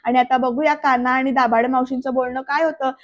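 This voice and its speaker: Female voice-over recapper, high and steady in tone, talking directly to viewers on a dull, lo-fi track. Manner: retells scenes briskly, addresses viewers directly. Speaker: serial review narrator. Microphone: voice-over recorded separately.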